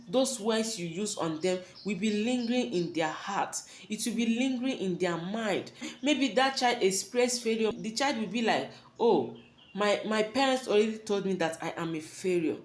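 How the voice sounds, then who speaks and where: A woman giving parenting advice, earnest and preachy, asking rhetorical questions and repeating her warnings. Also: a little high. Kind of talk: advice talk to camera. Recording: roomy echo.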